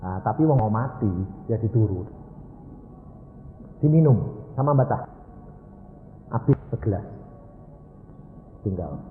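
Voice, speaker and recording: Older Javanese-accented preacher in an echoey hall. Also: male voice, animated, a little slow, long pauses, phone-quality sound, faint music behind. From Indonesia. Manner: storytelling preacher acting out voices, mixing Javanese words, sudden loud high cries. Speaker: pastor. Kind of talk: sermon.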